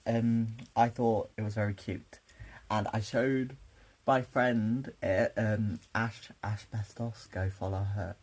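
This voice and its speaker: Young guy half asleep, husky low voice, rambling makeup chat to his camera. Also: fairly even intonation, takes it slowly, a little mellow, poor audio. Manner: rambling, self-interrupting, chatty. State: sleepy. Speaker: drag performer reviewing makeup. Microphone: camera mic.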